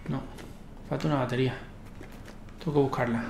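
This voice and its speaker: Creaky-voiced Spanish man playing games. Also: medium pitch, fairly even intonation, a little fast, darkish tone, reverberant, slight background noise. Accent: Spain. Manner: muttering, sweary. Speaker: gaming streamer. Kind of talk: casual gameplay commentary. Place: indoor room at home.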